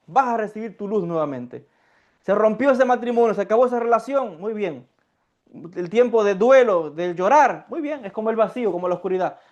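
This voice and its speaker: A man giving a Kabbalah lecture, talking in an animated way, acting out sighs and mock crying and repeating his phrases for emphasis. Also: high-pitched. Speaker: Kabbalah teacher.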